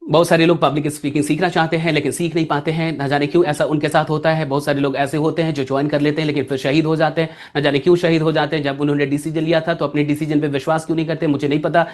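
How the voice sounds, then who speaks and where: Male speaking coach from India, motivational lecture, lively delivery with big swings in volume. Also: on the high side, racing, few pauses. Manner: animated, swings between loud and soft, keeps asking "right?".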